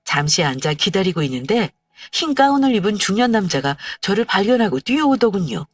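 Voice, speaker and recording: Woman storyteller, measured first-person read, dry sound from a bit off-mic. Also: medium pitch, very animated, no echo. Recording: dry distant mic with faint music. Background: faint background music.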